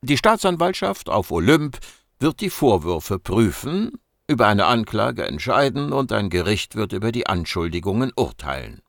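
Man doing a calm reasonable leader guy, polite, lively voice, dry audiobook. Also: on the low side, vocal fry, no echo. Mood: measured. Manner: measured, reasonable, dryly polite. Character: calm, measured male statesman leader. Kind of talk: audiobook reading.

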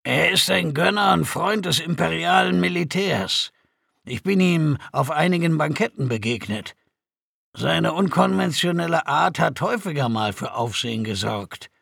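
A seasoned veteran soldier explains in a steady, measured voice, as a man reading the story puts him on. The tone is husky and gravelly, and the audiobook sound is dry. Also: a little high, dry recording, pitched above the performer's own voice, full character voice. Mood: explaining. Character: calm, experienced male veteran soldier.

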